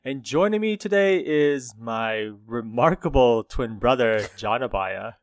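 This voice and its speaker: A man hosts a casual podcast in a brisk, upbeat way. His voice sits in the middle range and is recorded close and dry, with no room sound. His introductions run quickly and sound lightly scripted. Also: medium pitch, lively intonation, dry recording. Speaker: podcast host.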